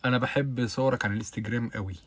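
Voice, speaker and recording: A young man with an Egyptian Arabic accent, hosting a casual live stream, chatting with viewers and answering their comments, with bursts of loud laughter. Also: fairly even intonation. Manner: rapid chatty talk with frequent oaths and bursts of loud high laughter.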